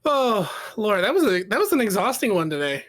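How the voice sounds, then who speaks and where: Podcast co-host, animated pitch, jokey, wry quips, casual chat. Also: fairly quick.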